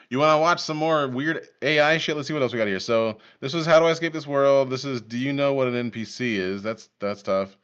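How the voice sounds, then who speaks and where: A man's voice: medium pitch, fairly quick, a bit bright, clean tone. A man hosting a live podcast stream, reacting casually and laughing often. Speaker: podcast host. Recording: dull lo-fi stream audio.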